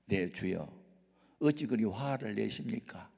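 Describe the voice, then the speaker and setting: A humble attendant, as a preacher puts him on, speaking low and deferentially as he gently urges his master. The voice rings in a long-echoing hall. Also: lively intonation, unhurried, creaky, husky, exaggerated voice. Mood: pleading. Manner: polite, deferential. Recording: reverberant hall.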